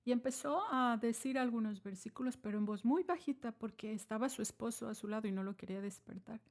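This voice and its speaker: A woman's voice: on the high side, brisk. A woman giving a devotional talk to other women, earnest and pleading, often calling her listener sister. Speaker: women's ministry speaker. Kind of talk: devotional teaching.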